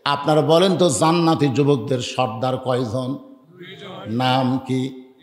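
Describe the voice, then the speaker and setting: A man preaching in a Bangladeshi Bengali accent, telling stories in a drawn-out sing-song chant and breaking into loud shouts at a large religious gathering. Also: medium pitch, steady tone. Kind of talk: fiery sermon with chanted storytelling. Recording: echoey hall reverb.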